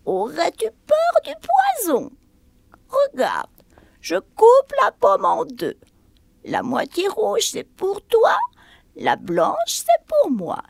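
Man doing a cruel old witch peddler, storybook, very high, gravelly crone voice, slow drawl. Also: huge pitch swings, no echo, studio quality, heavily acted. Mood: coaxing. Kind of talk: storybook reading.

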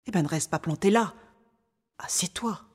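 A woman's voice: lowish voice, moderate pace, darkish tone, slightly rough. A woman voicing a brusque but tender castle cook in a storybook. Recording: long hall reverb.

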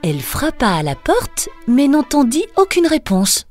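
A woman reading a fairy tale aloud as a storyteller, slow and singsong. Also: high voice, wildly swooping pitch. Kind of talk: scripted fairy-tale narration. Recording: narration over soft music.

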